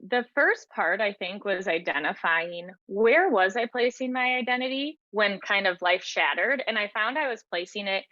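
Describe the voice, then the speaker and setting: Speaking at normal speed with few pauses, this woman's mid-range voice sounds pushed and bright on a muffled, echo-free recording. She is an author and teacher, 30s or older, earnestly explaining her personal experience as a podcast guest.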